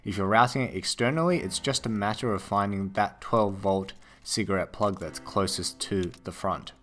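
A man with an Australian accent narrating a scripted voice-over for a build tutorial, in a steady, explanatory way. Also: lowish voice, moderate pace, soft background music. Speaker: tech video narrator.

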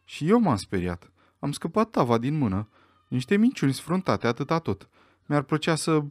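A man reading an audiobook voices a frightened butler who anxiously protests his innocence, his voice pushed higher than his narration. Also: very animated, no room sound. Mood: desperate. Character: frightened middle-aged male butler, pleading.

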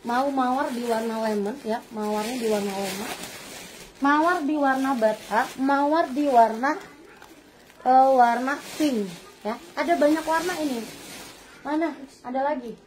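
A woman's voice: high-pitched, a little slow, slight background noise. A woman presenting dresses in a clothing shop during a playful live-selling video, laughing often and calling her customers "Bunda". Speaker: online clothing seller.

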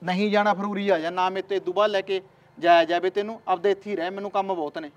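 A man's voice: high voice, flat delivery, fast talker, muffled recording, heavy background noise, lightly acted. A man playing a callous, greedy son-in-law who talks in a pushy, dismissive way in a village short film.

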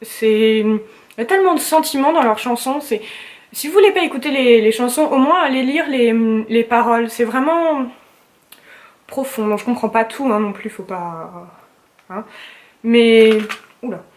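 A young woman chats casually to camera about her favorite things, gushing and full of slang and fillers. Her voice sits a little high. She talks from a room at home. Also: normal speed. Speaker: vlogger.

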